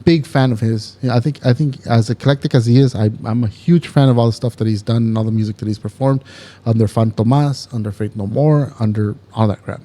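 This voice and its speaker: A man co-hosting a podcast, chatting in a relaxed, easygoing way. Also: mid-range voice, a little fast. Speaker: podcast co-host. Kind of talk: casual chat.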